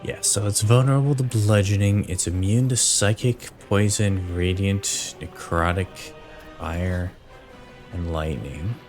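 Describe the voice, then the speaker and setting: A man streams a video game and talks through his moves at an unhurried, drawn-out pace. He thinks aloud and reads off stats with pauses, and game music plays clearly beneath his voice. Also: low-pitched, a little mellow. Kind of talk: casual gameplay commentary. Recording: game music playing underneath.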